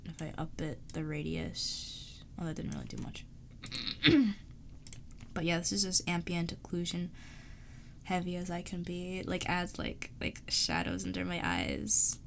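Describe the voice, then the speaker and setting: A woman streamer chats casually while she draws at home. She is sick and keeps her voice easy, speaking at a slow, unhurried pace as she thinks aloud and rambles. Faint keyboard typing runs underneath. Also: fairly low pitch, a little hiss or hum.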